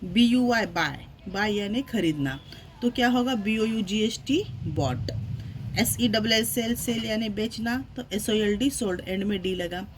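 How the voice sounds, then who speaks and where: A woman walks through grammar rules, spelling each word letter by letter and asking her students questions she answers herself. Her pitch sits in a middle range. A faint hiss of background noise runs under the recording. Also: animated, a little slow. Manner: spells words letter by letter and asks rhetorical questions. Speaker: English grammar teacher. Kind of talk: classroom-style grammar lesson.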